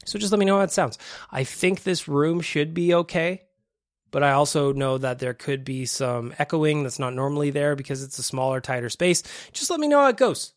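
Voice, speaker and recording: A male podcast host with a fairly high voice talks casually and informally about sports. He sounds a little nasal and phlegmy from congestion, and he leans on repeated phrases for emphasis. The sound is close and dry, from a small home studio. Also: fairly even intonation, normal speed, no room sound. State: mildly congested with a cold-like illness.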